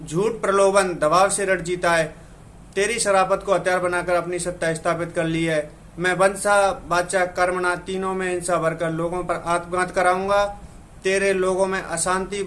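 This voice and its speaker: A man's voice: sits high, fairly bright tone, slight background noise. A man reciting verse in the voice of a boastful, defiant male demon in a devotional poem. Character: arrogant demon Kali, boastful male evil spirit.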